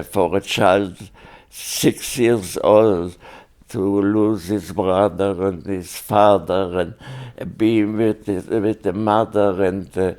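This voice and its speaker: An older man giving oral history testimony, speaking haltingly with many pauses and restarts. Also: low voice, darkish tone. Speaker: interviewee.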